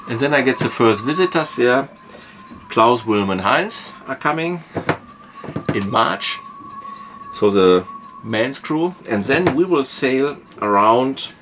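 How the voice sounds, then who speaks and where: German guy, 50s, lowish voice, walking through his route plans bit by bit, faint hiss. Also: fairly bright tone. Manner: measured, explains step by step with small fillers. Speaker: sailing vlogger. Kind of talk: casual planning talk to camera. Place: wood-panelled boat saloon, later on deck in a marina.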